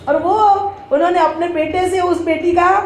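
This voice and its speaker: A woman's voice: very high-pitched, steady tone. A woman from India giving a religious lecture to women, asking rhetorical questions and repeating key phrases. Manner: asks the audience rhetorical questions and answers them. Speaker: Islamic religious teacher. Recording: echoey room with faint background noise.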